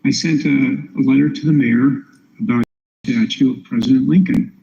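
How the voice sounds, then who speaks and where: Gravelly, halting older man, dark tone. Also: medium pitch, fairly even intonation. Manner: hesitant, apologetic, halting, polite. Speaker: public commenter. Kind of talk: informal public comment. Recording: dull, muffled meeting-room sound with noise.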